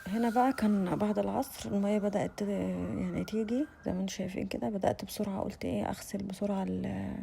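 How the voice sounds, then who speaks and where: A young Egyptian lifestyle vlogger does casual voice-over narration in a quick, chatty style with an Egyptian Arabic accent, speaking directly to her viewers and often stopping and restarting sentences. Her mellow, mid-range voice has a gravelly fry and fairly even intonation. A little hiss or hum is audible.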